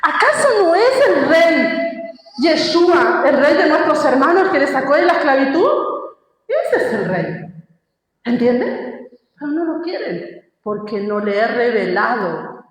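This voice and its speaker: A woman's voice: high voice, sing-song, unhurried. A woman preaching a sermon, emphatic and asking her listeners questions as she teaches. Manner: emphatic, asks the congregation questions. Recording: echoey hall reverb.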